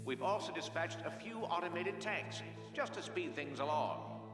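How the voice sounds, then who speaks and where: An actor playing a sardonic male city announcer heard over a public address loudspeaker, speaking in an offhand, mock-official way. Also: on the high side, lively intonation, normal speed. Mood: dry. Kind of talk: video game dialogue. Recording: echoey loudspeaker from far off, loud music.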